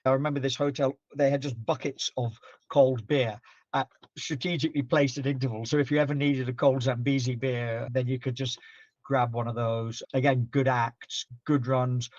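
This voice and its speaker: A man's voice: medium pitch, fairly even intonation, normal speed, a little mellow, no echo. Middle-aged man, storytelling, rambling anecdotes, dry close sound, dull lo-fi quality. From Zambia-born, raised in Scotland. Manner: rambling anecdotes with frequent laughs. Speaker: podcast guest. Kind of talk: relaxed storytelling interview.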